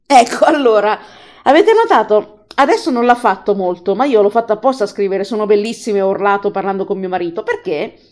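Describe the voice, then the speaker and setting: A woman's voice: medium pitch, animated, fairly quick. Chatty woman explaining an app. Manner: chatty, enthusiastic, explains step by step. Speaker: podcast host teaching an app. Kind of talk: casual spoken tutorial.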